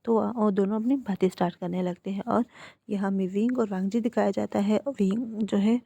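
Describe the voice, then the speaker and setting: A woman casually retelling a fan story, chatty and loose with filler phrases. Her voice is warm and mellow, mid-pitched. The sound is close and dry. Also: steady tone, brisk, vocal fry, dry recording.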